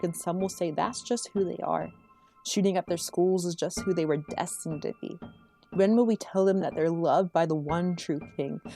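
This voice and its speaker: A woman performing spoken word slam poetry in an earnest, rhythmic, rhyming delivery with measured phrases. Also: fairly low pitch, warm tone.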